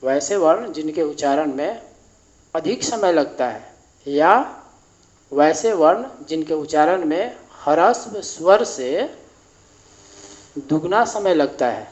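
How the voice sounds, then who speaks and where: A man teaching a grammar lesson at a board, explaining slowly and repeating each definition. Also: fairly high pitch, lively intonation, a little mellow, rough recording.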